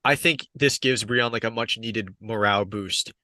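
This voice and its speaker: A man's voice: on the low side, normal speed, pushed and bright, dry recording, clean studio sound. A young man on a podcast, chatting casually and hedging often with filler words. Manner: rambling, hedging with "I mean" and "like". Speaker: podcast guest. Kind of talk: casual chat.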